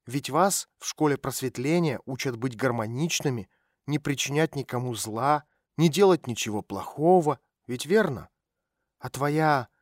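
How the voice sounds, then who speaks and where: A man voicing a calm woman private detective who speaks quietly and gently to coax a runaway girl. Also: medium pitch, no echo, studio quality, natural voice. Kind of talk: audiobook character voice.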